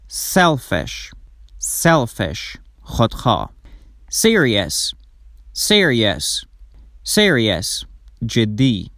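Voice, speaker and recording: A male teacher leads a language lesson, and his pitch rises and falls a lot as he talks. English words come out slow and deliberate, and his explanations move along faster. The recording is dry and close, with no room sound. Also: a bit bright, dry recording. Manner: slow, drawn-out model pronunciation, brisker Persian explanations.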